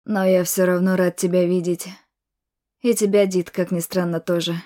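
A woman's voice: lowish voice, little pitch movement, moderate pace, mellow, lightly acted. A woman voicing a confident, arrogant young nobleman mage, cool and mocking.

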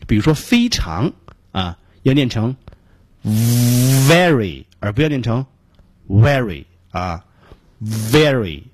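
A middle-aged man with a Beijing Mandarin accent gives a radio pronunciation lesson, explaining slowly and repeating each sound he demonstrates. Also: mid-range voice, big pitch swings, darkish tone, dry recording. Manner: frequent filler particles between phrases. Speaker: English pronunciation teacher.

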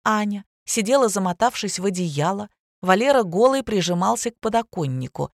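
A woman's voice: mid-range voice, expressive, fairly quick, dry recording. Woman reading a story, dry sound. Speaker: narrator. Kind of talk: scripted audiobook narration.

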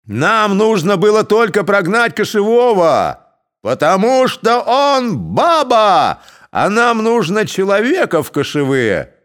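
A rowdy mob of drunken Cossacks hurls insults and chants names, as a male narrator shouts them out. The shouts climb high and loud, drawn out and jeering. It sounds like a storybook scene read aloud. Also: very animated, takes it slowly, heavily acted. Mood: bellowing. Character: roaring drunken Cossack crowd, men.

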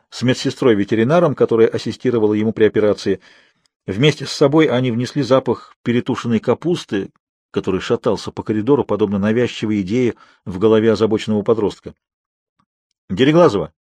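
Husky-voiced male audiobook narrator. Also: fairly low pitch, a little mellow, dry recording. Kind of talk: scripted literary narration.

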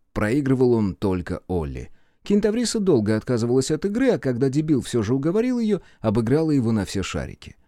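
A man reads a story aloud in an expressive, lively way. His voice rises and falls with plenty of melody and has a warm, mellow tone. The recording is dry and close-miked. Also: mid-range voice, no room sound. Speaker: audiobook narrator.

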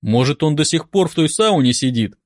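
A man narrating a first-person audiobook with expressive storytelling. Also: on the high side, fairly quick, dry recording, clean studio sound.

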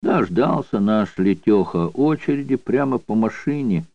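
A male audiobook reader voicing an unhurried, slangy convict storyteller who mocks with coarse barracks slang. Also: lowish voice, lively intonation, no room sound. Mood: mocking. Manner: coarse barracks slang, mocking yarn-spinning. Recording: dull dry studio recording.

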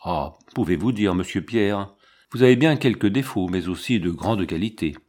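A man's voice: deep voice, expressive, normal speed, a little mellow. A man reading a loyal old servant. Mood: devoted. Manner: earnest and respectful. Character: loyal discreet old male family servant. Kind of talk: audiobook character reading.

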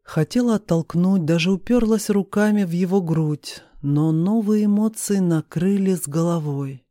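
An audiobook narrator giving an expressive, steady first-person reading of a romance novel. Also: mid-range voice, normal speed, dry recording, studio quality.

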